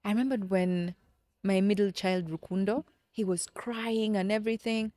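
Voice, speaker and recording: A woman's voice: medium pitch, steady tone, moderate pace, mellow, no room sound. A woman in her thirties from Kenya, a podcast guest telling personal stories in an earnest, reflective way and often repeating words as she finds them. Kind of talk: candid conversational storytelling.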